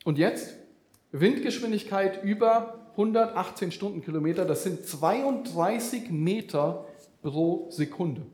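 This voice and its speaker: A man's voice: high-pitched, measured pace, a little mellow, reverberant. A man preaching a sermon, speaking animatedly with vivid comparisons and addressing the listeners directly.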